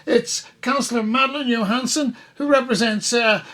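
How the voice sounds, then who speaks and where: A man's voice: very high voice, normal speed, fairly bright tone. A middle-aged man hosting a casual interview, chatty and often hesitating with fillers. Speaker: radio show host.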